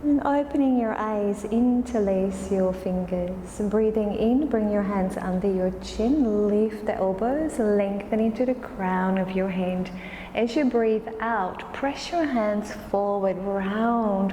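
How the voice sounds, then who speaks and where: A woman yoga instructor guiding a class in a calm, soothing, unhurried way. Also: mid-range voice. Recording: roomy, reverberant space with faint noise.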